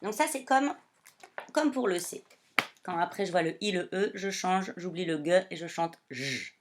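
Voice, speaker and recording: A woman primary school teacher giving a reading lesson to young children, speaking slowly and clearly as she addresses them. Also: fairly low pitch, background noise.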